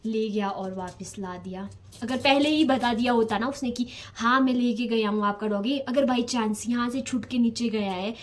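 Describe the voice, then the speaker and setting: A young woman vlogging, telling a personal story in a casual, rambling way, repeating words and drifting between soft and loud. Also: a little high, normal speed.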